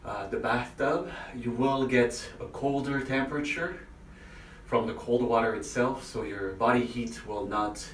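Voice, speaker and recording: A man speaking haltingly in short phrases, giving a casual, unscripted instructional vlog from a bathroom. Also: mid-range voice. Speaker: vlogger demonstrating an ice bath. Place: indoors in a bathroom by or in a bathtub. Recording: echoey bathroom, distant mic, faint noise.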